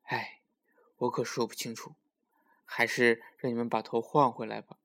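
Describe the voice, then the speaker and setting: A man's voice: medium pitch, moderate pace, close to an everyday voice. A man voicing a kindly old doctor. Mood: gentle. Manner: gentle, sighing.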